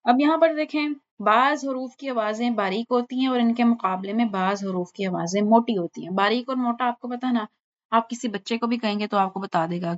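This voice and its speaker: A woman's voice: on the high side, muffled recording. A woman teaching pronunciation of Arabic letters, patiently drawing out and repeating each sound and often checking that students follow. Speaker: Quran recitation teacher. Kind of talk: online lesson on letter pronunciation.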